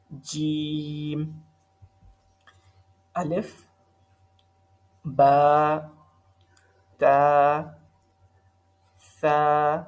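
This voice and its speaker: A man's voice: a little high, gravelly, fairly bright tone. Patient male recitation teacher, slightly sore throat. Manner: patient step-by-step explaining, mixing in English terms. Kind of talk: recorded online lesson.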